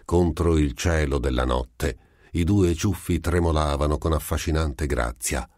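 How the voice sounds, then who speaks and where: A man narrating a literary story for an audiobook in a measured storytelling way. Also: extremely low pitch, darkish tone, no echo, studio quality.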